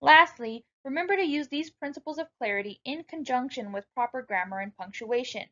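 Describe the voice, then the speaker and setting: A woman giving a recorded writing lecture, speaking clearly and instructively and addressing students directly. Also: high-pitched, fairly quick, fairly bright tone, lo-fi sound.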